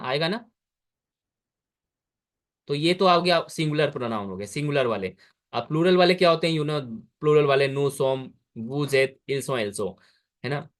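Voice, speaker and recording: A man with an Indian accent teaching French to a student over a video call, patiently repeating words slowly. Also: a little high. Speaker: French tutor. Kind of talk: online language lesson.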